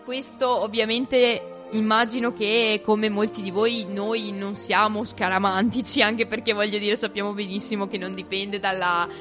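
A woman's voice: mid-range voice, level tone, moderate pace, few pauses, a bit bright. Young Italian woman chatting over faint music. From Italy. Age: young adult. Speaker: co-host of a university talk show. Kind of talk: casual chat.

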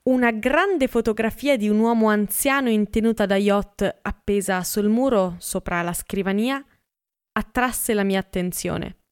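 A woman narrates a literary audiobook, reading in a measured and expressive way. Her voice is smooth and resonant at a middle pitch. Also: no echo, studio quality.

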